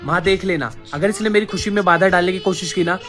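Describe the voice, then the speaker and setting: A woman's voice: lowish voice, quick pace, close to an everyday voice. A woman playing an angry young husband who scolds and gives orders, over background music. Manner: scolding, commanding. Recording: music bed behind the voice.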